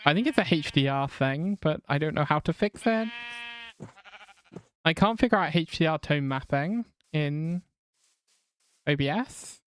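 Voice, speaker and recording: A man with a fairly high, echo-free voice and a non-rhotic English accent streams a video game. He chats casually with his viewers, wry and self-mocking, and laughs often.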